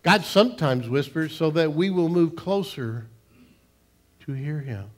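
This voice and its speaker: An older man, a pastor preaching a sermon in a church sanctuary, swinging between loud emphasis and hushed, near-whispered lines. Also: a little high, lively intonation, measured pace. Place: church sanctuary, large room.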